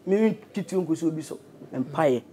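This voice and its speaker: A Ghanaian man in his thirties with a Ghanaian accent, a radio presenter chatting as an interview guest in a jokey, animated way. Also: a little high, fairly quick, noisy background. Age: 30s. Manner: jokey, animated, laughing often. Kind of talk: casual interview chat.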